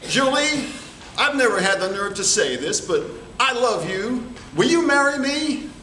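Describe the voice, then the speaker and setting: A man's voice: extremely high pitch, big pitch swings, a little slow, pushed and bright, pitched above the performer's own voice, exaggerated voice. A man voicing a bashful, smitten trapper from a tall tale, with singsong calls and shy stammering. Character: bashful, smitten male trapper calling on his sweetheart. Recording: distant, echoey room with background noise.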